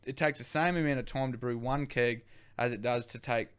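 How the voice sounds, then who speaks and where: A man's voice: mid-range voice, fairly even intonation, fairly quick, a bit bright, smooth. A young man with an Australian accent, telling his brewing story in a rambling, casual way and swearing now and then. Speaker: brewery co-founder guest.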